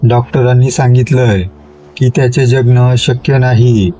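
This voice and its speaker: A man's voice: medium pitch, little pitch movement, unhurried, mellow, soft background music, lightly acted. A man voicing a desperate village father who pleads tearfully for his son's life in a spoken horror story. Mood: pleading. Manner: pleading, tearful, rural speech.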